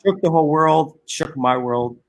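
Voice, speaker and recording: In a reflective interview, a social entrepreneur from Egypt, a man in his forties, talks earnestly with lots of fillers and frequent restarts. His pitch sits fairly high and he speaks at a normal speed.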